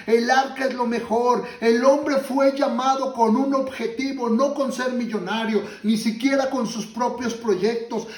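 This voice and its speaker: High-voiced pastor preaching at home. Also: male voice, reverberant. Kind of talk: sermon.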